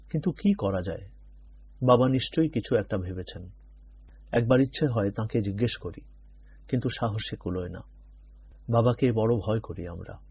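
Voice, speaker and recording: A man narrating a novel as an audiobook in an even, measured first-person telling. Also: fairly low pitch, husky.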